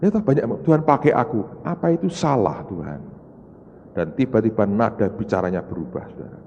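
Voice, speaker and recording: Pastor preaching in an echoing hall. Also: male voice, very animated, fairly quick, creaky, darkish tone, lo-fi sound, slight background noise. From Indonesia. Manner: dramatic storytelling, voicing others in rising high-pitched outbursts and repetitions. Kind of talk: sermon. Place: large church. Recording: long reverb of a large church hall.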